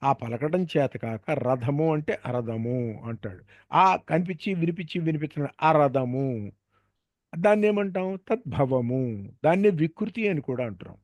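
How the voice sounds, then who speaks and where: A man's voice: on the high side, expressive, moderate pace, no echo. A man with a Telugu accent teaching a grammar lesson, patiently posing questions and then answering them himself. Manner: patient, asks and answers his own questions. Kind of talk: explanatory grammar lecture.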